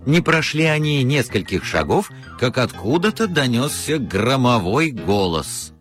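A man's voice: mid-range voice, sing-song, measured pace, fairly bright tone, faint music behind. A man narrating a children's story from a script with lots of expression.

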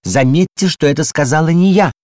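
A man's voice: fairly high pitch, a little fast, darkish tone, no room sound, clean studio sound, voice pushed up, lightly acted. A man doing a prim, bossy door handle lady. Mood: insistent. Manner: prim, insistent, dips into tragic whispers. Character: fussy know-it-all female door handle. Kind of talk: storybook character reading.

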